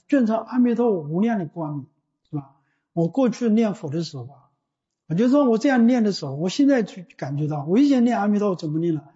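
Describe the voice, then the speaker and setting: A Buddhist teacher giving a slow, deliberate dharma talk, often pausing to ask the listeners whether they follow. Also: medium pitch, dark tone. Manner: slow and deliberate, often asking "you know?". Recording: dull lo-fi recording.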